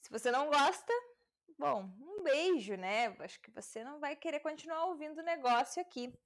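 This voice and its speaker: A woman's voice: high-pitched, animated, normal speed. A woman hosting a homemade podcast from home late at night, reading fairy tales and commenting on them in a casual, irreverent way, swearing often and laughing at herself. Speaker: podcast host. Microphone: home mic.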